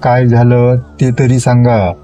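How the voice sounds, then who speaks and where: A man's voice: medium pitch, little pitch movement, slow, warm tone, lo-fi sound, lightly acted. A man voicing an anxious young village wife in a horror story, pleading and fearful.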